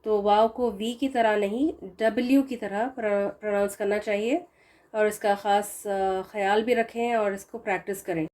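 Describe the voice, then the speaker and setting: A woman teaching a recitation lesson, explaining pronunciation patiently and repeating example words slowly. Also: medium pitch, fairly even intonation, a little mellow.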